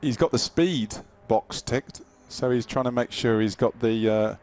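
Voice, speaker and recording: A man's voice: medium pitch, a little slow. A man co-commentating on a motor race, rambling and repeating words, with dry teasing. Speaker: expert co-commentator. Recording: loud engine noise behind commentary.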